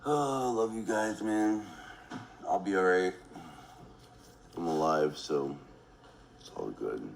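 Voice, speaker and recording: A man speaking quietly on a livestream, shaken and subdued. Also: deep voice, lively intonation, slow pace, vocal fry, long pauses, slight background noise. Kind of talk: casual livestream talk.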